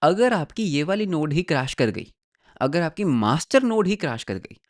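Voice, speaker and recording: A man's voice: fairly high pitch, very animated, moderate pace. A man teaching a tech tutorial in a mix of Hindi and English, often checking in with "right?" and repeating phrases as he points through a diagram. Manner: explains in Hindi mixed with English terms, checks in with "right?" and "ठीक है?". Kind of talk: screen-recorded tech tutorial.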